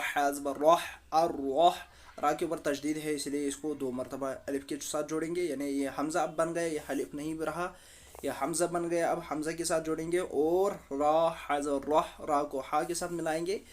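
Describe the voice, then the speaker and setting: A man with a fairly high voice teaches Quran recitation with tajweed. He spells out each letter and vowel mark slowly. Then he explains the rule and answers his own questions. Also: fairly even intonation, darkish tone.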